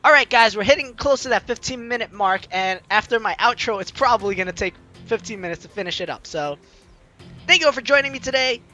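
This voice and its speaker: A gaming host with a slightly high, expressive voice talks fast, sounding pushed and bright, though the highs are cut off. She reads the narration and lines aloud in a hammy, playful way with ad-libbed asides, game music playing behind her.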